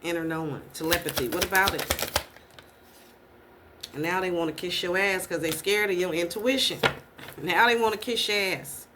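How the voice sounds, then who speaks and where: A woman's voice: lowish voice, normal speed, pauses often, very noisy. Blunt, profane woman tarot reader. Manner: blunt, profane, repeats rhetorical questions. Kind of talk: casual tarot reading.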